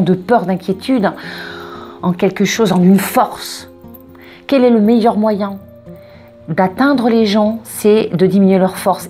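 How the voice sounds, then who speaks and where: A woman reading oracle cards and giving spiritual guidance in a casual, expressive way, wandering off into asides and repeating words for emphasis. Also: mid-range voice. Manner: expressive, digressive, emphatic repetitions. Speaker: oracle card reader.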